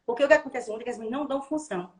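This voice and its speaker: Brazilian woman, Bahian accent, speech therapist; quick, highish, animated, demonstrates phrases to a child. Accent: Bahian Brazilian Portuguese. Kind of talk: explaining advice in a live chat.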